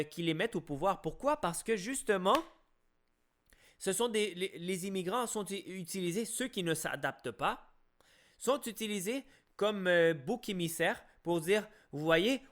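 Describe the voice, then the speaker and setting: A man's voice: fairly high pitch, a bit bright. A man from Quebec with a Québécois French accent, giving an opinionated monologue on a live stream, arguing with rhetorical questions and frequent restarts. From Quebec, Canada.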